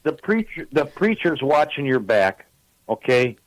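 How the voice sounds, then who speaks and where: A man's voice: mid-range voice, big pitch swings, a little slow, low-quality recording. A man in his sixties calling in to a radio show, telling long, rambling stories full of fillers. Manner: rambling, chatty storytelling with many fillers. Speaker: caller. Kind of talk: casual call-in chat.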